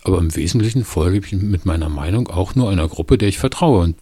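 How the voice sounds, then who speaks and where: A man voicing a calm, reasoning neighbor who explains patiently with mild irony, in a low, husky voice. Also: fast talker, no room sound. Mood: explaining. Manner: patient, explaining, mildly ironic. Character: calm, reasoning middle-aged male neighbor.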